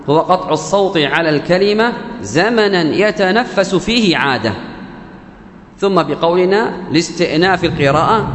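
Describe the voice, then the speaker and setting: A man teaching the rules of Quran recitation in a religious lesson, speaking deliberately and repeating key phrases for emphasis. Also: fairly high pitch, a bit bright. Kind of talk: religious lesson explaining a verse text. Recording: echoey hall with faint background hum.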